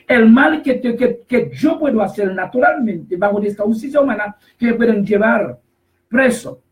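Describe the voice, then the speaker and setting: A man preaching a sermon, emphatic and repetitive, slowly reading scripture verses and then explaining them. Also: high voice, expressive, far from the mic, rough recording. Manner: emphatic, repetitive, rises to shouts on key phrases.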